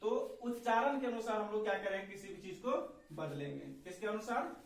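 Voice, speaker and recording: Male classroom teacher with a high voice, calling out questions, recorded from far off in an echoey room. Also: expressive, brisk, a crowd in the background. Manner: asks questions often and repeats them. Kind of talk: classroom lesson with call-and-response.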